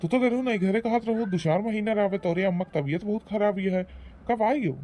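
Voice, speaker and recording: In this rustic comedy cartoon acting, a man voices a blustering, defensive old village husband who scolds and rambles in an Awadhi accent, sounding bossy. His voice is high-pitched with a dark tone, fairly quick, and close to an everyday voice. There's slight background noise.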